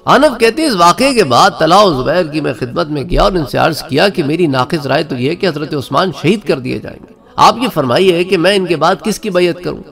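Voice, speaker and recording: A man's voice: on the high side, expressive, vocal fry, fairly bright tone. A man giving an Islamic history lecture, telling the story with quoted speech and recited verses. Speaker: religious lecturer.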